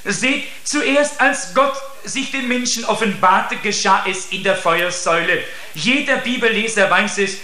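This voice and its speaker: High, slow-spoken earnest male preacher. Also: sharp tone. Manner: earnest, addresses listeners with repeated "seht". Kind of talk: sermon. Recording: echoey room.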